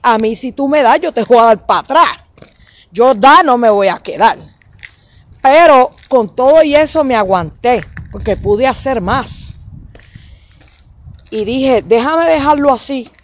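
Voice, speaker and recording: A woman's voice: a little high, unhurried, long pauses. Emphatic Puerto Rican woman. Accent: Puerto Rican Spanish. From Puerto Rico. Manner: animated, emphatic, with English words mixed in. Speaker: interviewee telling a family story. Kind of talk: emotional personal account.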